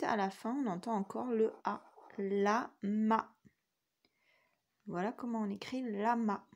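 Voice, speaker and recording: A woman's voice: mid-range voice, darkish tone. A woman teacher giving a recorded spelling lesson to young children, patiently sounding out each letter and syllable. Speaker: kindergarten teacher.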